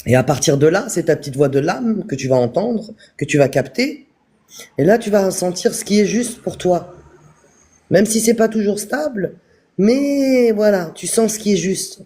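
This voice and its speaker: A man giving a calm, repetitive spiritual talk on a live stream, speaking straight to his viewers. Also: high-pitched, moderate pace, slightly rough. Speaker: spiritual teacher.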